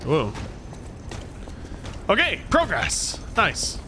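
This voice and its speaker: His pitch is high and swoops wildly, and he speaks very slowly. The speaker, a man from Scotland, rambles to his chat while playing a video game, casually putting himself down. Noticeable background noise runs under the clip.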